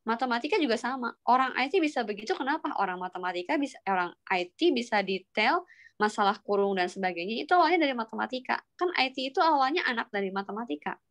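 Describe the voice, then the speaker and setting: A patient woman lecturer teaching calculus over a video call, coaxing her students through each step with repeated questions. Her voice sits somewhat high. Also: expressive, fast, fairly bright tone. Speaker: math lecturer. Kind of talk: online calculus lesson.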